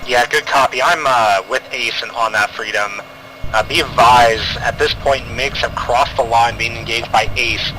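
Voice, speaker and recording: A man giving clipped military radio calls over a game radio channel, pausing often with "uh" fillers. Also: mid-range voice, steady tone, background noise. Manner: halting, with frequent "uh" fillers. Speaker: command radio operator in a military sim game.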